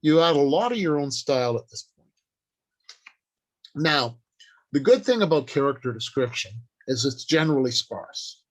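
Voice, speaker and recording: This workshop speaker's voice is fairly high and very animated as he instructs. Still, his delivery is deliberate and emphatic, in short declarative phrases with pauses between them.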